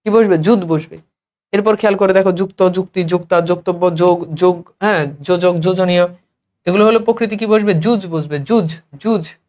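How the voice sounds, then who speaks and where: A man's voice: high-pitched, fairly even intonation, moderate pace, darkish tone. A male teacher from Bangladesh giving an exam-prep grammar lesson, asking questions and answering them himself in a repetitive drill.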